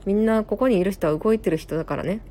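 A woman's voice: mid-range voice, fast, dark tone. A young woman with a Kansai accent, hosting a casual live stream, chatting in a rambling way, reading viewer comments aloud and correcting herself as she talks. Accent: Kansai Japanese. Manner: chatty, rambling, many fillers and self-corrections.

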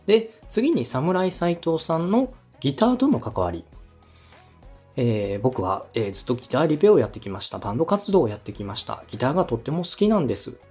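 This radio director and podcast host, a lively man with a slightly husky, medium-pitched voice, delivers structured coaching and feedback on his show. He lays things out courteously step by step, acting out examples, over faint background music.

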